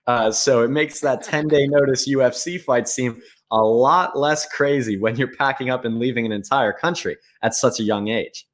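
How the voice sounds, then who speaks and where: A man leads an interview over a call, asking long, polite questions at a measured pace. He fills small gaps with "uh". His voice sits at an ordinary middle pitch.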